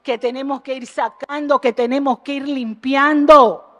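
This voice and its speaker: A woman preaching an impassioned sermon in a church, jumping between loud exhortation and low earnest asides and firing rhetorical questions at the congregation. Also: fairly even intonation, unhurried, lo-fi sound, soft background music. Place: church sanctuary.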